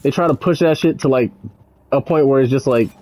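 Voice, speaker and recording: An American gaming channel host with a mid-range, slightly mellow voice talks a little fast, giving casual, rambling commentary while he plays. He's sardonic and swears a lot.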